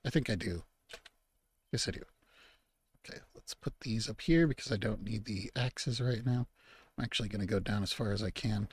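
A man's voice: lowish voice, normal speed, pauses often, breathy edge, no echo. A man hosting his own gaming channel, chatting easily and rambling to himself as he plays. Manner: easygoing, rambling, talks to himself about the game; mock-outraged scolding at game animals. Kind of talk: relaxed let's-play commentary.

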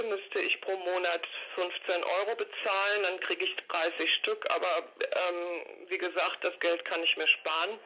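Heard on a muffled, low-fidelity phone line, this older woman's lowish voice is bright and forceful. She reflects during an interview in a hesitant, detailed, matter-of-fact manner.

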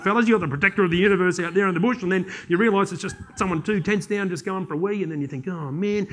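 An Australian man giving a conference keynote, telling comic stories and briefly slipping into voices for the people in them. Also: high-pitched. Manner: animated, joking, slips into quick voices for people in his stories. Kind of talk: comic storytelling talk to an audience.

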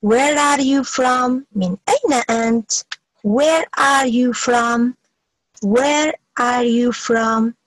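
A woman teaching an English lesson, saying each phrase slowly and clearly, repeating it, then giving the translation. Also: on the high side, slight background noise, poor audio. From Algeria. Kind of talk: bilingual English lesson, slow model phrases.

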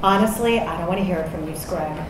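A woman's voice: lowish voice, quick pace, natural voice. An actress on stage playing a vain, bossy woman who scolds her staff. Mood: haughty. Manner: haughty, scolding. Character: bossy, vain adult woman party manager. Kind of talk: stage musical acting. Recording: echoey stage with audience noise.

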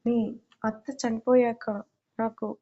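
A woman's voice: a little high, level tone, takes it slowly, warm tone, muffled recording. A woman voicing a weary grieving widowed uncle. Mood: sad. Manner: weary, sorrowful.

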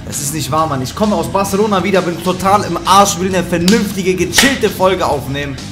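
A young man in his twenties, a gaming YouTuber, curses and rages through let's-play commentary for his audience. His high-pitched voice is fairly quick and competes with loud game music, captured at home in a small room on an arm-mounted studio microphone while he wears headphones.

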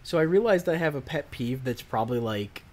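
Young guy cohosting a podcast, gets worked up fast, lots of like and um, super casual. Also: mid-range voice. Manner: animated, worked-up ranting with lots of "like". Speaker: podcast co-host. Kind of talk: casual chat.

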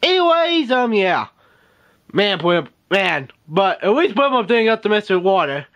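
A man's voice: sits high, very animated, normal speed, a bit bright, dull audio. A male storyteller rambling through a homemade toy adventure, saying "beep" in place of swear words. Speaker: storyteller voicing toy figures.

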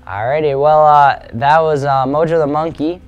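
A man's voice: on the high side, steady tone, moderate pace, clean tone, muffled recording. A young man acting as a field reporter in a homemade comedy news spoof, asking questions with lots of hesitant fillers.

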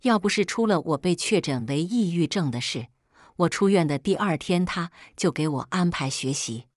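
Low-voiced woman narrating a story. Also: expressive, moderate pace, no echo, studio quality. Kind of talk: scripted first-person narration.

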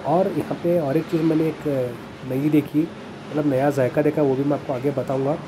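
A man's voice: on the high side, fairly even intonation, normal speed. A man narrating a casual food review in a small café, chatty and enthusiastic, with some hesitant fillers. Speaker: food vlogger. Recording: noisy café background.

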